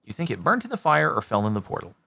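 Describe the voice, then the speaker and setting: A man's voice: a little high, wildly swooping pitch, quick pace, gravelly, bright, forceful tone. A man giving casual game commentary, thinking aloud as he plays. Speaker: gaming streamer.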